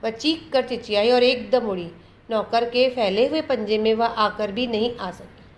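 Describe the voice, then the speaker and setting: A woman teacher reads a children's textbook story aloud and explains it in simple words. She then goes through word meanings and synonyms one by one in a fairly high voice. Faint background noise sits under the voice. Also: unhurried. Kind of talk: reading and explaining a textbook lesson.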